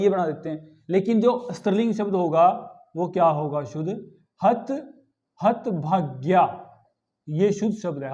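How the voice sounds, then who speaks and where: High-voiced male teacher drilling words. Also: warm tone, muffled recording. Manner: repeats each word slowly and drills correct forms; addresses students as children, asks questions and answers them. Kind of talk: grammar lesson.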